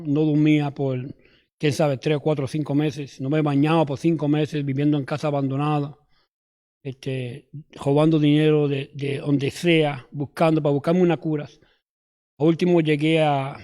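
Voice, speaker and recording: A man from New York with a New York Spanish accent, giving a nervous, halting personal testimony in church. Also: on the high side, mellow.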